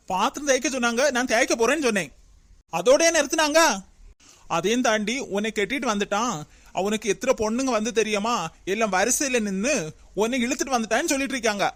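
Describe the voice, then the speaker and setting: A performer as a fast, sharp-tongued young wife. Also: medium pitch, natural voice. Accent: Kanyakumari Tamil. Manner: scolding, defensive, quick retorts. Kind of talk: cartoon voice acting.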